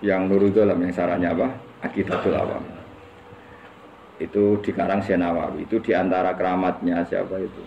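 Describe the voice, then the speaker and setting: A man with a Javanese accent preaches in a low voice, spinning humorous religious stories. The room is echoey and roomy, with faint noise behind him. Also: a little fast, muffled recording. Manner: humorous, lively storyteller, often laughing. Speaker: Islamic preacher. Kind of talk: religious lecture with storytelling.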